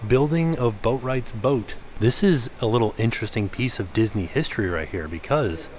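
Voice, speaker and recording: Holding a handheld camera, a man tours a resort's indoor restaurant hall and outdoor grounds, chatting and wondering aloud. His medium-pitched voice is expressive and somewhat dark in tone, at a normal speed.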